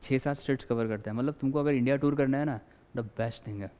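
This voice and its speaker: A man lectures in a chatty, storytelling way, often acting out little scenes. His mid-pitched voice rings with long reverb in a big hall. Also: fairly quick, dark tone. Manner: chatty, mixes Hindi with English, acts out little scenes. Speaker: teacher. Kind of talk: classroom lecture. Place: classroom.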